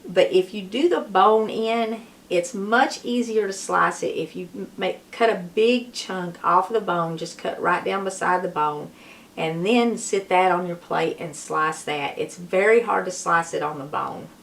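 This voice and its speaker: A woman gives a folksy, casual cooking tutorial in a hoarse voice that is giving out. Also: on the low side, unhurried. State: hoarse, losing her voice. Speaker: home cook presenting a recipe.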